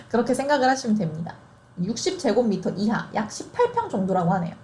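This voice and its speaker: A woman's voice: a little high, big pitch swings, brisk, a little mellow, slight background noise. A young woman in her twenties chatting through an explainer, laughing often and asking rhetorical questions. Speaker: host explaining housing programs. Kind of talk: casual explainer.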